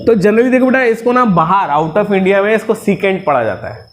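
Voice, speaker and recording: A man's voice: high-pitched, lively intonation, normal speed, a crowd in the background. A man teaching a class. He jokes around, calls his students "beta" and keeps checking with them, "hai na?". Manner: jokey, keeps asking "है ना?" and calls students "बेटा". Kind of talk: classroom lecture.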